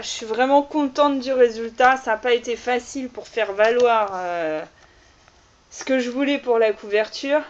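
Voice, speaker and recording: A woman talks casually to her viewers while she opens a box of her own books, her voice a little high. She leans on fillers and pauses, and the home-video sound is dull and lo-fi. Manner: chatty, many fillers like "voilà" and "euh". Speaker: author unboxing her own book. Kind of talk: casual vlog chat.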